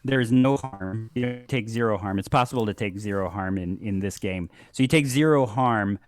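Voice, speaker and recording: A man narrating a tabletop game as game master, halting with many restarts and frequent laughter. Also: on the low side, faint music behind.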